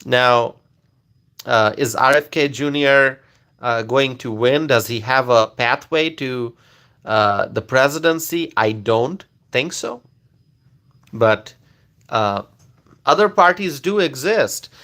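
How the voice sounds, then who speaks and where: A political commentator from Bangladesh earnestly explains politics while answering viewers on a casual livestream, rambling with many fillers and restarts. His mid-range voice is pushed and bright, and he speaks slowly with frequent pauses.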